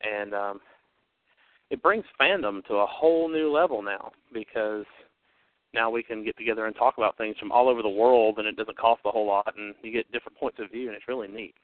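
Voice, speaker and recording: Over a narrow, dry phone line, a man hosting a podcast rambles through a casual chat with upbeat, talkative energy and lots of fillers. His voice sits on the low side and moves fairly fast, with no echo.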